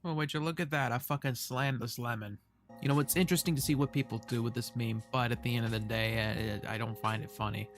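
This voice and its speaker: A man's voice: mid-range voice, steady tone, fast talker. A man in a video giving wry, profane commentary on memes. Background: music.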